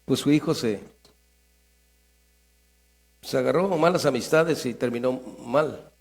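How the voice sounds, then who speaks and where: A man preaching a sermon in a church, swinging between loud fervent prayer and quiet asides. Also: medium pitch, unhurried, vocal fry. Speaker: pastor.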